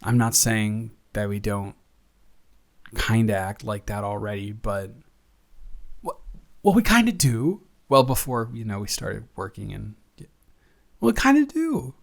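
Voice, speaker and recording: Tender and hopeful, a young man voices a devoted, flustered roommate in an improvised, intimate audio roleplay. He rambles haltingly, teasing and affectionate, his lowish voice animated and edged with vocal fry.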